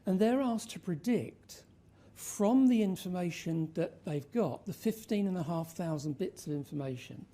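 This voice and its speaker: A woman's voice: on the low side, lively intonation, normal speed, hardly any pauses, dark tone. A woman giving an informal research presentation to an audience, using rhetorical questions and emphasis. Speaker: conference speaker.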